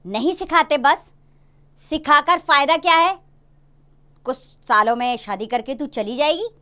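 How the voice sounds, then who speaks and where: A stern, scolding village father with a cough and a sharp, bright edge to his voice, put on by a woman reading a class play aloud. He is insistent and loud, with a lively, high-pitched delivery. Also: measured pace.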